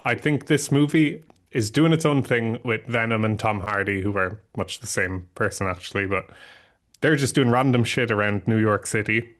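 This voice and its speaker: Male co-host, lowish voice, blunt and argumentative, laughs easily. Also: normal speed, fairly bright tone. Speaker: podcast co-host. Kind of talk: casual film-review chat.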